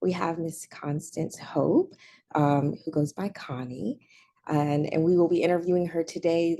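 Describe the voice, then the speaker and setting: A woman's voice: deep voice, mellow, a little hiss or hum. A woman interviewing an alumna, asking friendly, scripted questions.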